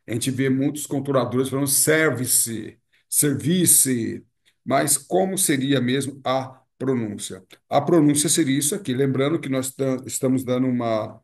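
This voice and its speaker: A man's voice: medium pitch, normal speed, hardly any pauses, a little mellow. A man from Brazil with a Brazilian Portuguese accent, teaching an online pronunciation lesson, explaining patiently and repeating key words with frequent tag questions.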